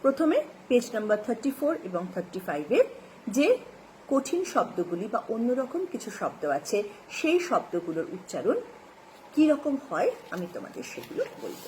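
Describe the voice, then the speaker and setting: A woman with a Bengali accent teaches an English lesson, reading lines slowly and spelling out words letter by letter. Her pitch moves up and down a lot as she explains. A faint hiss sits under the recording. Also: very animated, a little mellow, poor audio. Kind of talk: classroom lesson explaining text and vocabulary.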